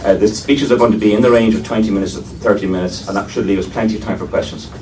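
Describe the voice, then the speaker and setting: Speaking fast in a lowish, steady voice, an Irish man introduces panel speakers in front of an audience in a lecture room. His manner is wry and digressive, full of hesitations and side remarks, and he's captured on a distant mic with a little faint noise.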